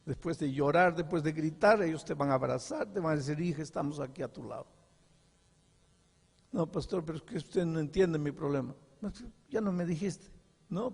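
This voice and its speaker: Gravelly high-pitched older preacher in a hall. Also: male voice, a little mellow. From Peru. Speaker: pastor. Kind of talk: sermon.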